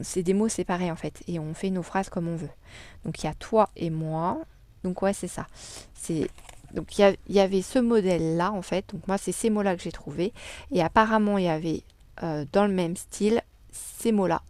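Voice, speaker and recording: A woman's voice: medium pitch, dry recording. A woman vlogger chatting casually as she shows off her scrapbooking purchases, hesitating with many fillers and sometimes dropping to a near-whisper. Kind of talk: casual show-and-tell haul.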